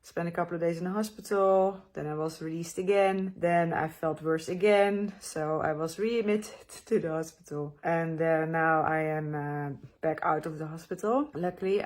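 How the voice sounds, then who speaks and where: A travel vlogger whose first language is Dutch talks casually to the camera in a lowish, slightly mellow voice. She sounds breathless, tired and hesitant, restarting her sentences often.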